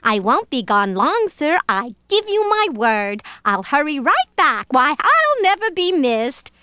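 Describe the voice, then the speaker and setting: A woman's voice: fairly high pitch, very animated, takes it slowly, a bit bright, clean tone, no echo, exaggerated voice. A woman voicing a lazy, flighty mother bird from a children's storybook, coaxing in a sing-song pleading way.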